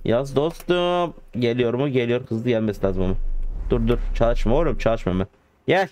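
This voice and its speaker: A man's voice: medium pitch, fairly quick, a little mellow. A man giving casual, joking commentary over a driving game, talking to the game and to his viewers. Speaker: gaming streamer.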